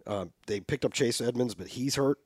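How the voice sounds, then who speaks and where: A man's voice: medium pitch, normal speed, breathy edge, no echo. Man casually talking football on a dry mic. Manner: conversational, reads listener letters aloud. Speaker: podcast co-host reading listener emails. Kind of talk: casual sports chat.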